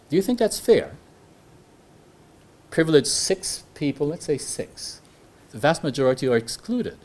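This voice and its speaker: A guest lecturer whose first language is French gives an academic law lecture in measured English before a hall audience, often restarting phrases and asking questions of those listening. His voice is mid-range.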